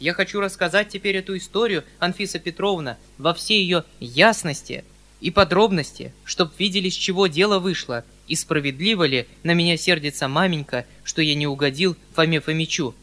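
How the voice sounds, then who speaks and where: Flustered, pleading landowner uncle, high and bright, declaiming, read by a male narrator. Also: fairly quick.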